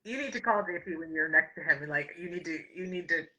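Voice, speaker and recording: Bright, husky-voiced heartfelt woman host. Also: fairly low pitch, quick pace, poor audio. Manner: heartfelt, rambling, open. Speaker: podcast host. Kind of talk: casual interview talk.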